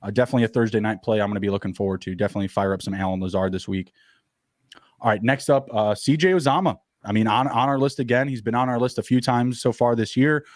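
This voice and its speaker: A man co-hosting a casual fantasy football podcast, rattling off stats quickly with plenty of fillers. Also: on the low side, no echo, clean studio sound. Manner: quick, upbeat, stat-heavy talk with fillers. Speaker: podcast co-host.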